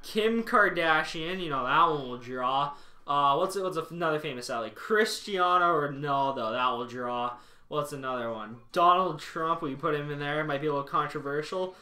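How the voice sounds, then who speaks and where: A man's voice: a little high, normal speed, bright, forceful tone. A young man live-streaming, chatting casually and wryly to his chat, rambling as he thinks aloud. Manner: rambling, wry, talks to chat. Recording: echoey room.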